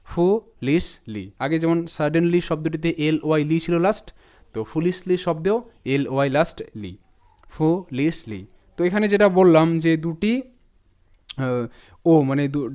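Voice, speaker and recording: A man with a Bengali accent teaches English spelling, splitting words into syllables and repeating them for his viewers. His voice sits fairly high and sounds smooth and clear. The recording is a bit dull and lo-fi. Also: darkish tone. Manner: explains patiently, breaking words into parts and repeating them slowly; talks straight to viewers, often checking in with "okay?". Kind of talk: spelling and pronunciation lesson.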